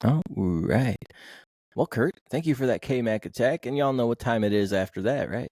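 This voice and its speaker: A man's voice: medium pitch, expressive, normal speed, darkish tone. A man hosting a casual sports podcast, talking bluntly and rambling, with the odd swear word. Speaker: podcast host.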